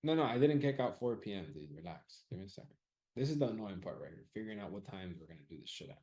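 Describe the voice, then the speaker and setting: A man runs a live audience poll about class times, thinking aloud casually in a loose, profane way and often repeating himself. His lowish voice is sing-song, rapid-fire and mellow.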